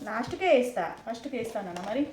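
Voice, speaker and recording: A woman's voice: on the high side, animated, very fast, darkish tone, a little hiss or hum. A young woman with a Telangana Telugu accent, filming a casual home vlog, coaxing her children to take medicine and repeating herself again and again. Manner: coaxing, repeats words over and over. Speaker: vlogger mother.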